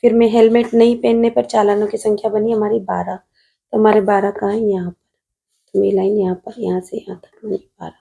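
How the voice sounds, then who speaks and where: A woman's voice: medium pitch, flat delivery, brisk, creaky, mellow. A woman math teacher with a Rajasthani Hindi accent, patiently solving an exam paper on video while writing at a desk and calling her students "beta".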